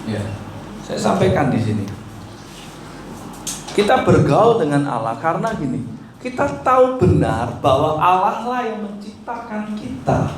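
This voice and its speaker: A man's voice: sits high, sing-song, a little slow, long pauses, slight background noise. A male pastor preaching a sermon, urging listeners with rhetorical questions and rising, emphatic lines. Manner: exhorting, asks the congregation rhetorical questions. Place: church hall. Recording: echoey hall, mic from far off.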